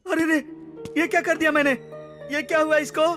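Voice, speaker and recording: A bewildered man in a flustered panic, his voice very high and bright. He exclaims in alarm and is dubbed for a film. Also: level tone, a little fast, faint music behind. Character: bewildered man who panics over a death. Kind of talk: Hindi film dubbing.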